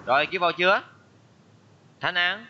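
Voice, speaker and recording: A man's voice: high-pitched, moderate pace. A male teacher running an online language class, patiently drilling words and repeating them for pupils. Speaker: English teacher. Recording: dull lo-fi audio with noise.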